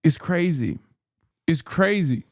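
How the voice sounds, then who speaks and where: A man's voice: on the high side, lively intonation, slow, a little mellow, no echo. A man in his thirties hosting a stream, giving rambling, emphatic, profane reaction commentary into a close mic. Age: 30s. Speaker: streamer host.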